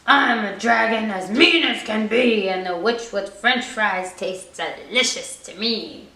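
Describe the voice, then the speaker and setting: A woman's voice: mid-range voice, unhurried, bright, forceful tone, roomy sound, poor audio. A woman voicing a mean, hungry male storybook dragon with an emphatic, menacing delivery.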